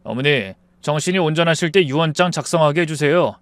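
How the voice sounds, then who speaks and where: A man doing a smooth scheming eldest son. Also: a little high, animated, a little fast, fairly bright tone, no echo. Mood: ingratiating.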